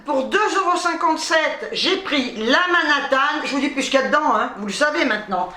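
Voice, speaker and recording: Brief: middle-aged woman vlogger, fairly high voice, quick, self-mocking chatter that stumbles over itself; roomy home recording. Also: lively intonation, pushed and bright. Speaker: vlogger showing a grocery haul. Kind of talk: casual chat to camera. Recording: echoey room.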